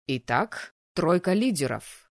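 A woman's voice: on the low side, sing-song, slow, no echo, clean studio sound, full character voice. A woman reading an audiobook who voices a stern, cold male dean of a magic academy, speaking in a clipped, commanding, formal way. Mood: curt. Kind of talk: audiobook character voice.

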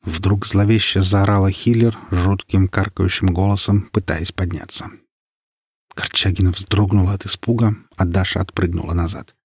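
Husky low-voiced male narrator. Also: steady tone, no room sound, clean studio sound. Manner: measured, ominous storytelling. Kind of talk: audiobook narration.

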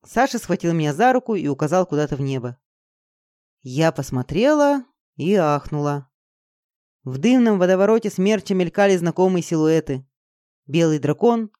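Audiobook narrator, mid-range voice, dry close sound, even storytelling. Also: mid-range voice, no echo.

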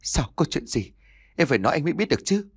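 A man's voice: on the high side, big pitch swings, quick pace, gravelly, slightly rough, no echo, studio quality, pitched above the performer's own voice, heavily acted. A man voicing a tired, anxious young husband who talks in a soothing, pleading way.

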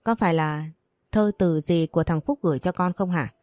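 A woman's voice: lowish voice, normal speed, darkish tone, no room sound, lightly acted. A woman voicing a worried poor mother from the countryside who scolds and pleads with her daughter. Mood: stern. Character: worried poor rural mother, stern but tender.

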